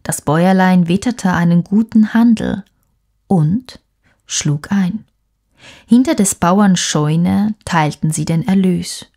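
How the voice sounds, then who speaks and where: A woman reading fairy tales aloud as a bedtime story, softly, sometimes dropping into a whisper. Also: fairly low pitch. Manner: slow, soft, with whispered passages.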